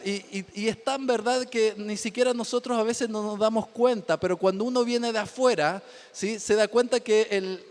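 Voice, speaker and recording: A pastor from Chile preaching a humorous sermon from the pulpit, joking, laughing often and repeating himself for emphasis. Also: male voice, sits high. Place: church pulpit. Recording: reverberant church hall.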